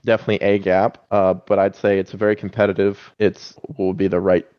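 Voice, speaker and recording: Young male guest, lowish voice, loose rambling delivery over dull remote audio. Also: a little fast. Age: 20s. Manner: relaxed, rambling, lots of fillers and restarts. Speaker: professional baseball pitcher, guest. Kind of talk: casual interview.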